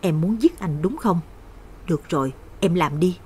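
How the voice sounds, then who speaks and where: A young man speaking firm and defiant, voiced by a woman narrator. The voice is breathy. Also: lowish voice, animated, normal speed, a little mellow. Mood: resolute. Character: young man torn between love and fear.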